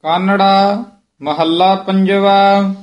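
A man reciting scripture in a lesson, reading in a slow, measured, chant-like way. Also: high voice, little pitch movement, muffled recording. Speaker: student reciter.

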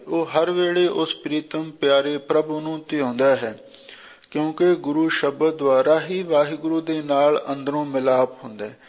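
A man explaining Sikh scripture verse by verse in a measured, repeating manner. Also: fairly high pitch. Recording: muffled lo-fi recording.

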